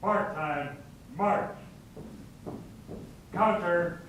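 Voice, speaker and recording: A man calling color guard drill commands in slow, drawn-out shouts, heard from away from the microphone. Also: high voice. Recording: far from the mic.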